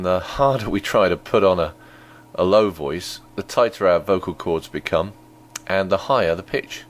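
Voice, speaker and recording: A man explaining voice impression technique in a calm, conversational tutorial. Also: low-pitched, slight background noise. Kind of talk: instructional tutorial.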